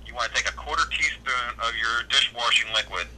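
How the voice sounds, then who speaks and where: Over a telephone line, an American man working in a service role gives practical advice, patient, matter-of-fact and plain-spoken. He talks briskly at a medium pitch, and there is heavy background noise.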